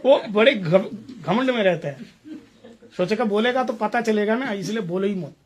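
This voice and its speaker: A spiritual teacher with a high voice speaks at normal speed, delivering a storytelling sermon to a gathering. He is playful, acts out the dialogue, and puts questions to his listeners.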